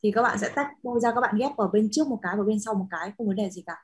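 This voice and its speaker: A woman's voice: medium pitch, rapid-fire, breathy edge. A young woman teacher, patiently explaining Latin spelling to a class, checking often that students follow. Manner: patient, explains with many fillers and checking questions. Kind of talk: classroom lesson.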